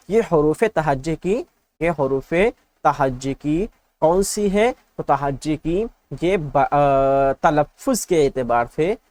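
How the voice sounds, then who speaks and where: A man's voice: on the high side, no room sound. A male teacher giving an exam-prep lesson, patiently drilling letters in repeated lists and asking the class check questions.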